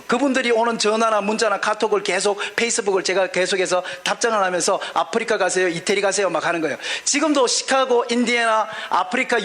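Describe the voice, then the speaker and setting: High-voiced pastor telling a story. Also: male voice, fairly bright tone. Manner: storytelling with acted prayers and voices, emotional swings. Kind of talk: sermon. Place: church hall at a conference.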